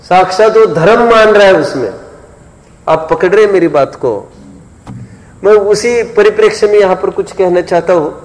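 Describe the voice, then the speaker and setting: A man's voice: sits high, moderate pace. A man giving a sermon-style scripture lecture to a live audience, often stopping to ask rhetorical questions and check that his listeners are following. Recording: echoey hall with long reverb.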